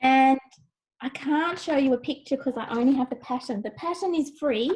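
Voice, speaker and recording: Recorded at home over a video call, this craft video blog co-host is a middle-aged woman doing casual show-and-tell. She speaks at normal speed in a high, darkish voice. The low-quality audio carries a slight hiss or hum.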